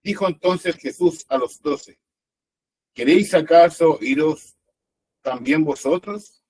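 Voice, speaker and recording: A man from the congregation reading Bible verses aloud in a steady way. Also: on the high side, slow, breathy edge, poor audio. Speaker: congregation member reading scripture.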